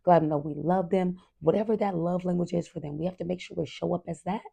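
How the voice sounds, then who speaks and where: A woman's voice: on the low side, steady tone, fast talker, creaky, dark tone, slightly rough. A woman hosting a parenting podcast, talking candidly and earnestly straight to her listeners. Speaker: podcast host. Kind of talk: casual podcast monologue.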